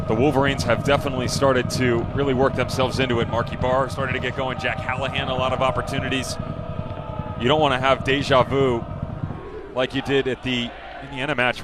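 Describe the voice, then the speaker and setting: A man's voice: medium pitch, background noise. A man working as a color analyst, giving conversational live soccer commentary. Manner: conversational, with rhetorical questions.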